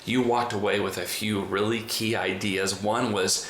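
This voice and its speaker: This podcast host and trainer speaks low, steady and unhurried, with a somewhat bright tone. Interviewing a guest in an indoor US room, he is chatty and wordy, and the audio carries roomy echo and slight background noise.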